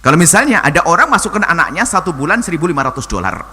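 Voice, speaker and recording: A man preaching and answering a listener's question, talking in an animated way that swings from low and soft to high exclamations. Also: racing, breathy edge. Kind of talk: sermon. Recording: long hall reverb, faint noise.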